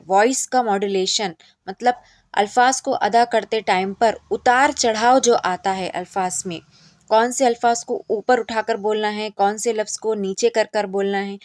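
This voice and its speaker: A woman teacher educator explains a course syllabus in a lecture. Her voice sits a little high and sounds dry and close, with no room echo. She reads each English point slowly, then explains it in Hindi mixed with Urdu words. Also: a little mellow.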